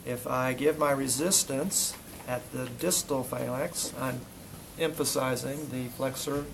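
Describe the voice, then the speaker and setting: Gravelly male instructor coaching a muscle test. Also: mid-range voice, steady tone, unhurried. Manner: coaching, repeats short commands while testing; quizzes students between steps. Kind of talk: hands-on classroom demonstration. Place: classroom. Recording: noisy classroom recording.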